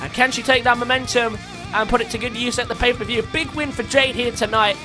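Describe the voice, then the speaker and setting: A man giving excitable play-by-play commentary on a wrestling match, rising to shouts at the big moves. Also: extremely high pitch, brisk, over music.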